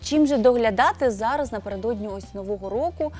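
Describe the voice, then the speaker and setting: A woman hosting a morning TV show, leading the conversation in a brisk, upbeat presenter manner. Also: fairly high pitch, a little mellow.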